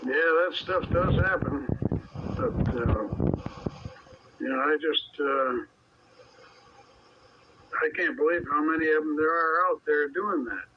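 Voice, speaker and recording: Plain-spoken man, somewhat high voice, halting casual chat over a lightly noisy CB radio. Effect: CB radio transmission. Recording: muffled noisy CB radio transmission.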